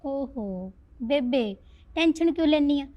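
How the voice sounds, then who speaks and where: A woman's voice: high voice, lively intonation, unhurried, dull audio. A young woman playing a schoolgirl secretly in love, who talks to herself and playfully coaxes her mother. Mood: reassuring. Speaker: daughter. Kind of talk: village family drama acting.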